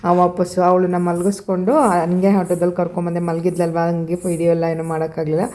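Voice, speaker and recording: A woman's voice: on the low side, monotone, fast talker, mellow. A woman in her thirties with a Kannada accent, chatting casually in a family vlog and explaining a recipe. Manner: chatty, mixes English words into her talk. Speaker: vlogger.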